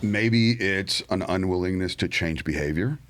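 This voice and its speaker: A man hosting an interview, asking questions in a relaxed way. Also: low voice, measured pace. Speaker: podcast host. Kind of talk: conversational interview.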